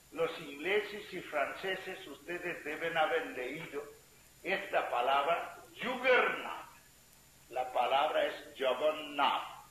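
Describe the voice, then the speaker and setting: A man, a swami giving a spiritual talk, telling a story in a slow, deliberate way. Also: fairly high pitch, fairly bright tone. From India. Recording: echoey room with faint hiss.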